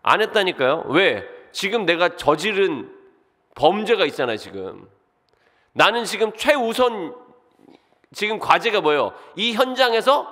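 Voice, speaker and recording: A middle-aged man preaching a sermon as pastor, asking the congregation questions and swinging from loud exclamations to quiet asides. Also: a little high. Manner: animated, rhetorical questions to the congregation. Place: church sanctuary. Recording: long reverb of a church hall.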